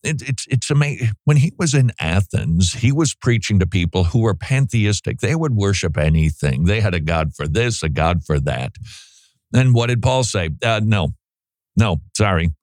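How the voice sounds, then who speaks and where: A man's voice: fairly low pitch, expressive, normal speed, darkish tone, no echo. A man with a congested, nasal voice, as if pinching his nose, hosting religious talk radio in an emphatic, dramatic, stop-and-start way. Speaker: radio show host.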